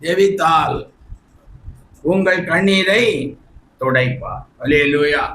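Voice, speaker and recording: Male preacher, recovering from illness, high-pitched bright delivery, faint room ambience. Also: takes it slowly, slight background noise. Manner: fervent preaching, often shouting hallelujah. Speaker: pastor. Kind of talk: sermon. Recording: echoey church hall, faint ambience.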